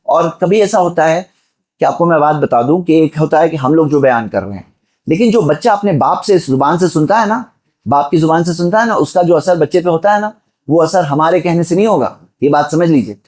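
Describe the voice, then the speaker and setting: A man's voice: a little high, lively intonation, darkish tone. Exhorting preacher, man. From Mumbai, India. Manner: exhorting, with rhetorical questions and direct address to the listeners. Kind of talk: Friday sermon.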